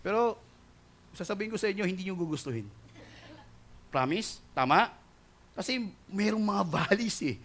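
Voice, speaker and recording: A male pastor preaching a sermon, mixing Tagalog with English and often asking the congregation "right?" as he swings between loud and soft delivery. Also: high voice. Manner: mixes Tagalog and English, keeps asking the crowd "di ba?" and "tama?".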